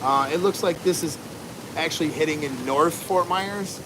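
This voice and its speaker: A laid-back American man chats casually to a livestream from outdoors. His voice sits a little on the high side, and he rambles in easy slang. Strong wind and rushing ambient noise run behind his words. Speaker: livestream host, barber. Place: outdoors at home during a windy storm. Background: wind and rushing water ambience.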